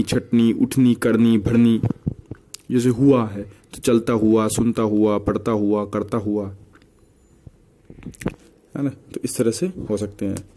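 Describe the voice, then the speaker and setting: Rajasthani-accented hindi guy teaching grammar, slow and flat, keeps saying "है ना". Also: mid-range voice. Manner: rattles off word lists with repeated "है ना" tags. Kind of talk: exam-prep grammar lesson.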